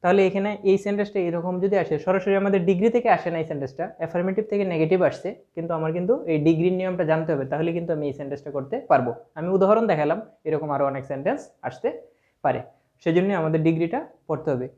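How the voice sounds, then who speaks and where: Talking fast in a dark-toned voice on the high side, the man explains English grammar step by step with a Sylheti Bengali accent. Words get spelled out one letter at a time. Audio is dull and lo-fi.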